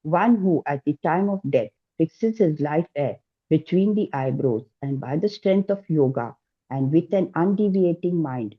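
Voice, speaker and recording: A woman's voice: low-pitched, slightly rough, muffled recording. A woman with an Indian accent reciting and reading scripture aloud as a class participant.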